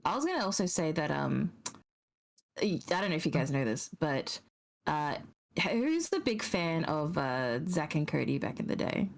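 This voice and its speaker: Casual, low-pitched woman streamer chatting. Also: big pitch swings, normal speed, creaky. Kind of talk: casual chat.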